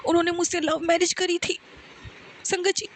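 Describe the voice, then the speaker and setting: A young woman tells a personal testimony to a congregation from home, speaking softly and pleading, with frequent direct address to her listeners. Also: extremely high pitch, level tone, moderate pace. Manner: speaks softly and hushed on purpose. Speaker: devotee sharing testimony.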